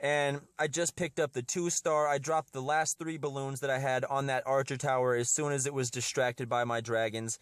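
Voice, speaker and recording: A man's voice: mid-range voice, steady tone, moderate pace, hardly any pauses, smooth, dry recording, clean studio sound. A man with a slightly stuffy nose from a cold, giving casual gameplay commentary as host of a strategy video and often repeating his words.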